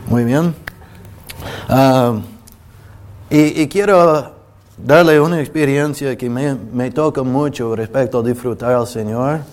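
Slow, halting preacher, a man. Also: medium pitch, a little mellow. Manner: halting, with many restarts and filler sounds; pauses when moved, apologizing to listeners. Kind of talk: emotional sermon to a congregation.

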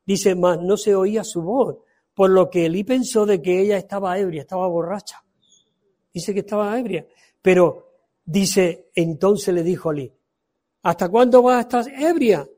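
A man preaching a fervent sermon, reading scripture aloud and swinging from loud emphasis to soft pleading. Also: sits high, fairly even intonation, moderate pace.

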